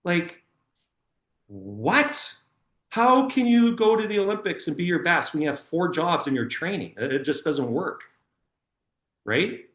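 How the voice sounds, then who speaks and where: Energetic middle-aged man teaching, echoey room. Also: a little high, a little slow, long pauses. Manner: energetic, emphatic, repeats words, lots of fillers. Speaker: workshop instructor. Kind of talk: public speaking workshop talk.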